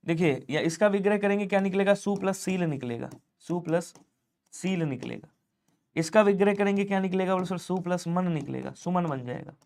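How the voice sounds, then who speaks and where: A man teaches a live online lesson for exam candidates. He keeps urging viewers to comment quickly and asks questions that he then answers himself. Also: sits high. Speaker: Hindi teacher for police exam prep.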